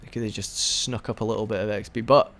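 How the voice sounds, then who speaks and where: A man's voice: fairly low pitch, fairly even intonation, quick pace, gravelly, a bit bright, a little hiss or hum. A young man giving rambling, casual commentary over a game he is playing, hiccuping now and then. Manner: chatty and rambling, with frequent restarts. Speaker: let's play commentator.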